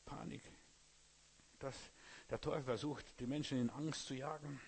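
A man's voice: mid-range voice, fairly even intonation, moderate pace, creaky, a little hiss or hum. A man preacher giving an emphatic sermon, talking straight to his listeners and often asking if they understand. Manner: emphatic, talks straight to listeners with frequent "you know?".

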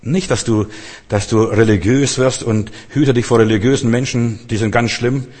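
A man's voice: medium pitch, fairly even intonation, moderate pace, a little mellow. A man preaching a sermon, earnest and repetitive, speaking straight to his listeners. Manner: earnest, repeats phrases, addresses listeners directly. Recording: long reverb of a church hall.

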